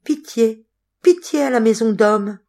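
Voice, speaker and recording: A woman's voice: a little high, measured pace, gravelly, warm tone, voice pushed up. A woman doing a wailing, desperate girl. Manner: wailing, pleading.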